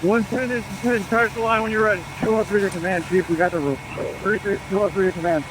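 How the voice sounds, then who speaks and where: A man speaks as a fireground commander over emergency radio. His voice is high-pitched and his calls are clipped and procedural. Engine and vehicle noise runs clearly behind him. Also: steady tone, fast.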